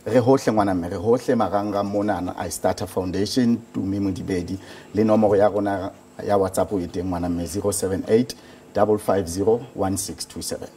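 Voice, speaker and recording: Male interviewee, South African Sotho accent, quick but halting stuttered speech, low mellow voice, faint noise. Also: fairly even intonation. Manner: halting, with repeated words and stutters. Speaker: organisation founder being interviewed. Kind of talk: studio news interview answers.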